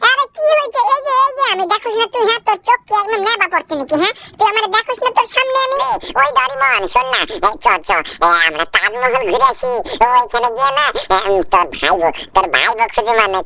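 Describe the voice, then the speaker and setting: A woman's voice: extremely high pitch, sing-song, fairly quick, hardly any pauses, full character voice. Woman doing cheeky cartoon boy Shinchan. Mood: bossy. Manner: bossy teasing chatter with tag questions. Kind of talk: game video voice-over. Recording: game crowd noise behind.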